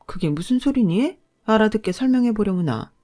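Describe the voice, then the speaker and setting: A woman's voice: medium pitch, lively intonation, brisk, mellow, faint music behind, voice pushed up, close to an everyday voice. A woman voicing a stubborn, defiant older mother-in-law who insists on her innocence. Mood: puzzled. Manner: indignant, insistent denials.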